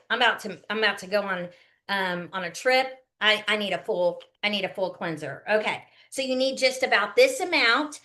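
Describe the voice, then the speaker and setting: In a casual live online skincare demonstration, a consultant in her early fifties chats in a folksy way and regularly checks in with those watching. She has a fairly bright voice on the high side.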